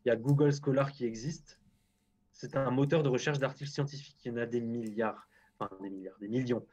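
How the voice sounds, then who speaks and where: French guy on a stream, blunt, keeps restarting, mid pitch, dull lo-fi audio. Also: steady tone, brisk, darkish tone, husky. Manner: blunt, self-deprecating, lots of restarts. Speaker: agroclimatologist guest. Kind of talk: live-stream interview.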